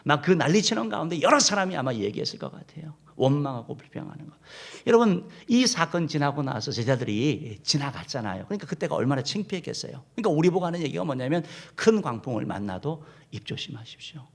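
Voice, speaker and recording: A male pastor delivers a sermon in a church sanctuary, speaking straight to his congregation. His voice sits a little high for a man and carries a gravelly edge. He leads the room through scripture readings as he goes. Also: sing-song, fast talker, few pauses. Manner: addresses the congregation directly, leading them in reading. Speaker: senior pastor.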